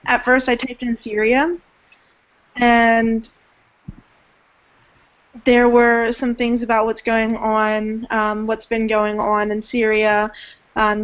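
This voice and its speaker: A young woman, an education student, leads a group hangout as an online discussion over a video call. She speaks hesitantly with lots of fillers in a voice on the high side, and the recording is muffled.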